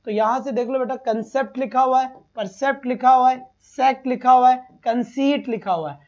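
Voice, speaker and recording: Teaching a live online exam-prep class, this man speaks at normal speed in an extremely high voice with a darkish tone. He says every answer twice, poses rhetorical questions and addresses students as "beta." His stream has slightly dull, lo-fi sound.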